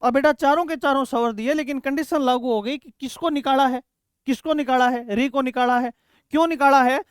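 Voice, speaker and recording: Male tutor, exam-prep grammar class; clear, resonant voice, dry close mic, slow and repetitive delivery. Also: very high voice, no echo. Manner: explains slowly, repeats key words, calls students "beta". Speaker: teacher.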